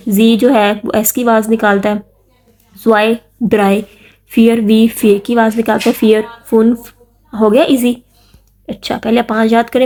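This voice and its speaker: A woman's voice: fairly high pitch, warm tone. A woman giving a casual spoken lesson, spelling words out letter by letter and asking listeners to repeat after her. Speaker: language teacher.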